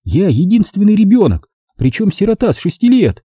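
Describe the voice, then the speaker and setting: Man doing a shrill indignant young woman, pitched up high, dark and husky underneath, dry close sound. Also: big pitch swings, a little fast, dry recording, exaggerated voice. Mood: tearful, outraged. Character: furious, tearful young woman official.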